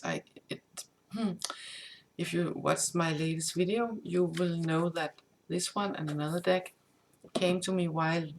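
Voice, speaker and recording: A Danish-speaking tarot reader gives a casual spoken update, improvising haltingly with many restarts. Her voice sits low and creaky, and a little hiss or hum runs under it.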